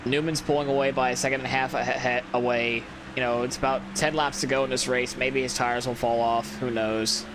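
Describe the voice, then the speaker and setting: Speaking a little fast with few pauses, a man of medium pitch and little pitch variation offers sleepy, casual let's-play commentary. He's self-critical and rambly, restarting often, with loud racing-game engine noise behind him.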